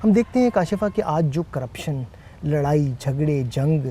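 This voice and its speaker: A man co-hosting a Bible teaching talk, speaking in a measured way with frequent hesitant fillers. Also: on the high side, animated, dark tone, a little hiss or hum. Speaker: co-host.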